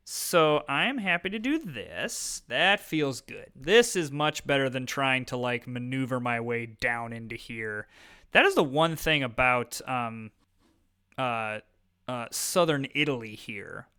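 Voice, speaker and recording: A man in his thirties with a Midwestern American accent gives loose, filler-heavy commentary while he plays. His voice comes across bright and forward, with a smooth, clean tone into a desk mic. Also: medium pitch, expressive, slow pace. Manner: rambling, filler-heavy, self-deprecating. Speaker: gaming YouTuber. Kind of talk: casual let's-play commentary.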